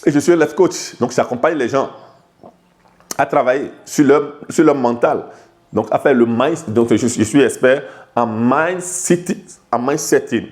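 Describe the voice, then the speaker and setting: This man from Togo, a life coach, has a medium-pitched, somewhat mellow voice and speaks a little slowly. Teaching informally on video, he talks straight to the viewer in a familiar way, with repeated words and false starts.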